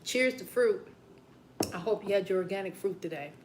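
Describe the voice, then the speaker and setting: Streaming a late-night mukbang from her home, a Southern-accented woman rambles on casually, treating her viewers as besties and dropping into quiet asides now and then. She speaks in a mid-range voice at normal speed over a noisy background.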